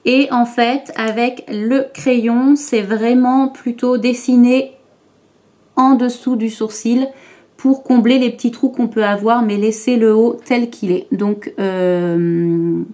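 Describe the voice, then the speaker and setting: A woman's voice: fairly high pitch, fairly even intonation, takes it slowly, warm tone. A woman vlogger talking through her makeup routine to camera, chatty and hesitant, with frequent fillers and restarts. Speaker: beauty vlogger. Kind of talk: makeup tutorial talk to camera.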